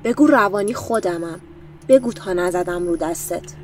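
A woman's voice: lowish voice, a little hiss or hum, natural voice. A woman playing a cruel, taunting female captor in a horror audio drama, menacing and mocking. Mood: threatening. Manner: taunting, cackling laughs, menacing.

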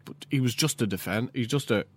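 A man's voice: mid-range voice, fairly quick. An Irish man giving casual sports analysis as a pundit.

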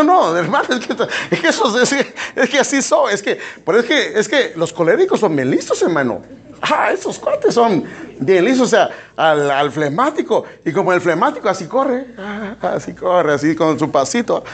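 A male pastor preaching a sermon in an animated, joking way, often calling listeners "hermano". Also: sits high.

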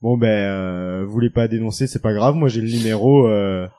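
Young man, mellow tone, halting casual storyteller. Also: fairly low pitch. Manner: halting, full of hesitations. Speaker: guest telling a party anecdote.

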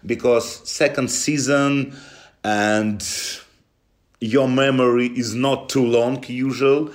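A man with a Russian accent answering interview questions in halting non-native English, often dropping articles. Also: mid-range voice, fairly even intonation. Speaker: interview guest from a football club.

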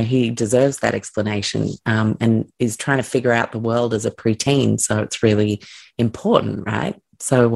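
A woman's voice: rumbling low, gravelly, a little mellow. A woman hosting a conversational interview, sharing a personal story in a candid, reflective way. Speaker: podcast host.

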